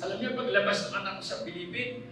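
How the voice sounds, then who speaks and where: A middle-aged man speaks fast in a high voice, offering an emotional, earnest testimony of faith and politely addressing his listeners. Soft instrumental music plays in the echoey hall, and he is picked up from far away.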